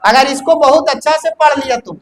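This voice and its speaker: A man's voice: extremely high pitch, fairly quick, poor audio. A male physics teacher, working through exam questions and encouraging his students, often calling them "babu".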